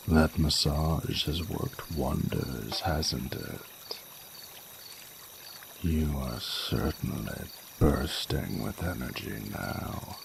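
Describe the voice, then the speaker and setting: In this scripted audio romance, a man gives a full character voice to an ancient dragon king, rumbling exceptionally low with heavy gravelly fry. He speaks slowly in formal, archaic courtly language, intimate, teasing and sensual as a tender, flirtatious lover. Noticeable noise and the sound of running water fill the background.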